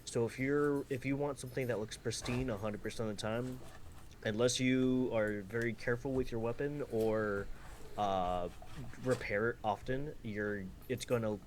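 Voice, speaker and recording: A man chiming in on an online class, halting and restarting his sentences. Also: on the low side, fairly even intonation, a little hiss or hum. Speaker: guest instructor. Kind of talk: casual voice chat.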